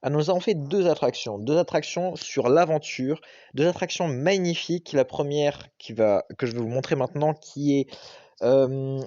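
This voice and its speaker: A man's voice: on the high side, normal speed, warm tone, dry recording. A young man doing a casual, enthusiastic vlog voice-over, with frequent hesitations. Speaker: vlogger. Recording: dull lo-fi dry recording.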